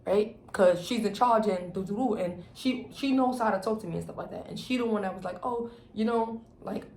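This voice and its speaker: Young woman, gravelly, animated storyteller with slang, roomy echo and faint background noise. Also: medium pitch, brisk. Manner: animated storytelling, acts out quotes, heavy slang and swearing. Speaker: vlogger telling a personal story. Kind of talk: casual story time.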